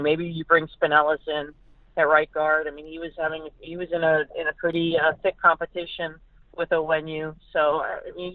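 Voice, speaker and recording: An American woman, a guest reporter, gives casual but emphatic sports analysis over a phone call, often repeating words for emphasis. Her voice is low, and the recording is dry with a thin, narrow phone-line sound.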